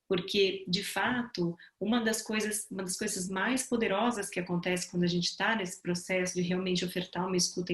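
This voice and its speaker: A woman tutor teaching a seminar on empathic listening, speaking gently and reflectively, explaining things slowly. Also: medium pitch, reverberant.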